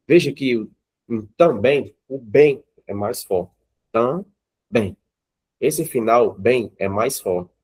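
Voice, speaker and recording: A Brazilian male teacher with a mid-range, darkish, slightly rough voice and a Brazilian Portuguese accent takes his time leading a live grammar class. He checks in with the class often and keeps asking the students questions.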